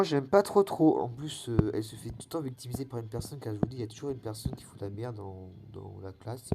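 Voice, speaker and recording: A teenage boy who hosts a gaming channel chats casually over his gameplay, rambling with lots of fillers and restarts. His mid-range voice cracks and wavers slightly, and heavy background noise fills the recording.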